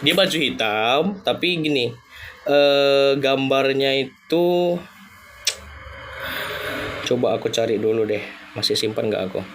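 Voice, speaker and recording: A man's voice: medium pitch, animated, slow pace, pauses often, background noise. Chatty man. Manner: chatty, loose, mixing in English thanks. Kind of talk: casual live-stream chat.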